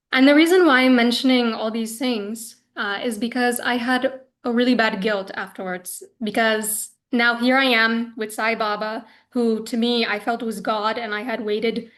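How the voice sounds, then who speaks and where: A woman's voice: fairly high pitch, fairly bright tone. A woman in her thirties giving a personal spiritual testimony as an interview guest, telling her story in an earnest, chatty way with plenty of fillers and restarts. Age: 30s.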